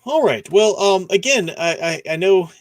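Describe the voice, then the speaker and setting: A man whose voice sits high and sounds expressive hosts a livestream at normal speed, with no room sound. He talks casually about books, reading viewer comments aloud along with a devoted fan's rambling asides.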